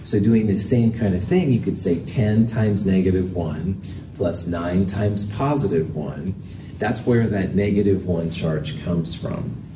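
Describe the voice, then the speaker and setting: A man's voice: low-pitched, unhurried. Guy professor teaching in a big echoey lecture hall, casual and self-deprecating, mic far off with lots of noise. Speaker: chemistry professor. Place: indoor lecture hall with projector screen and chalkboard. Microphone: distant from the speaker. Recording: roomy lecture hall, distant mic, noisy.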